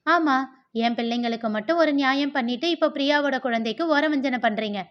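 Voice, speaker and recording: A blunt young wife, put on by a woman reader answers back with reproach. The voice is pitched high. The sound is dull and lo-fi. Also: fairly quick, lightly acted. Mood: reproachful. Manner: pointed, reproachful retorts. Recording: dull lo-fi recording.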